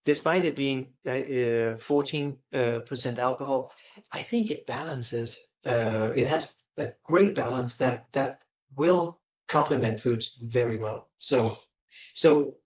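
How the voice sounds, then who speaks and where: A man, a winemaker guest in a casual wine-tasting chat, talking in a measured, thoughtful way as he searches for words. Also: medium pitch, husky. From Denmark. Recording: dull lo-fi recording.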